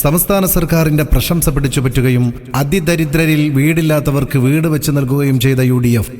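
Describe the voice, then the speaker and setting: A man giving a formal, oratorical election campaign announcement over an outdoor loudspeaker. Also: a little high, long reverb tail. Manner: formal, oratorical, pleading appeal.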